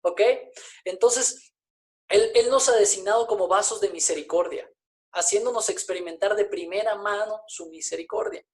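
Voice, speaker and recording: A woman delivers a sermon in an emphatic, driving way. She repeats key phrases for weight and keeps asking rhetorical questions. Her voice sits at an ordinary middle pitch for a woman. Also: moderate pace. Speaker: preacher.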